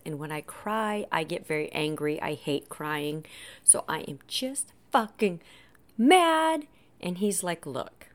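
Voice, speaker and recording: A woman in her thirties telling a personal story bluntly and with lots of swearing, animated and candid. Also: lowish voice, smooth.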